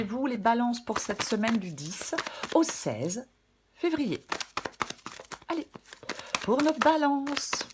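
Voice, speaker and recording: A slightly hoarse woman giving a casual, chatty weekly tarot reading, with many fillers and some throat clearing. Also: medium pitch, a little hiss or hum. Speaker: tarot reader.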